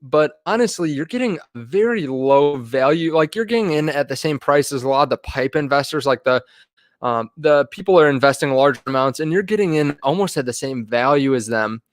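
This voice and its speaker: A man with a fairly high voice hosts a casual live stream, rambling through thoughts with frequent ums and restarts. He sounds a little out of breath, talking into a phone with a dry, close sound. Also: normal speed, no echo. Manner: rambling, filler-heavy, restarts often. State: a bit out of breath. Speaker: finance channel host.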